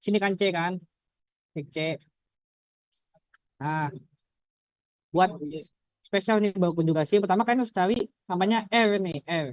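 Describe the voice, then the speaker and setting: A man's voice: high-pitched, unhurried, pauses often, no room sound, low-quality recording. A young adult man with an Indonesian accent explains things like an informal student tutor. He cannot roll his R cleanly, so it comes out slurred. He repeats himself and keeps asking short rhetorical questions, in a dry-sounding recording with little room sound. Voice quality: slurred R, a speech impediment on the R sound. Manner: repetitive, checking with rhetorical questions.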